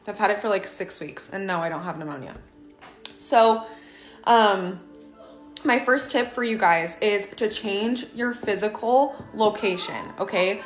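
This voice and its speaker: A young adult woman, a livestreaming mom and team leader, chats earnestly and gives advice from her home kitchen into a phone camera held at arm's length. A lingering cough has left her voice hoarse and raspy, though medium in pitch, and she speaks unhurriedly. Soft music plays behind her, and the kitchen sounds echoey.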